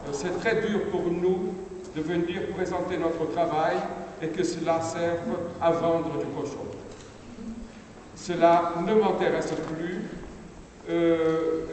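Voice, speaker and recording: Slow, hesitant middle-aged man in an echoey cloister. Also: fairly high pitch, darkish tone. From Brazil. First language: Portuguese. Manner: slow, hesitant, searching for words. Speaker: sculptor. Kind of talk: opening speech at an exhibition. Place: abbey cloister. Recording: echoey stone cloister, far from the mic, ambient noise.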